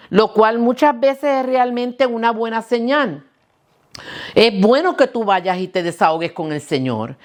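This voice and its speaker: A woman pastor preaching with a mid-pitched voice. She often asks the congregation questions and restarts words as she goes. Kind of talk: sermon.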